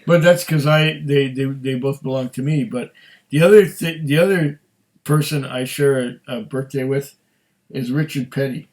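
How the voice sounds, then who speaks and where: A man's voice: mid-range voice, steady tone, normal speed, darkish tone. A middle-aged man who hosts a whisky tasting, talking in a rambling, chatty way with frequent restarts. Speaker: whisky reviewer. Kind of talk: casual tasting chat.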